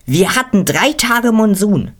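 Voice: mid-range voice, very animated, measured pace, a bit bright, pitched above the performer's own voice. A storyteller voicing a humble, matter-of-fact cleaning woman who scrubs the equator, in a storybook reading. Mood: earnest.

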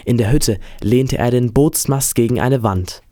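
A man reads a novel aloud in a calm, steady way. His voice is of average pitch. The sound is dry and close, with no room echo. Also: a little slow. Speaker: reader.

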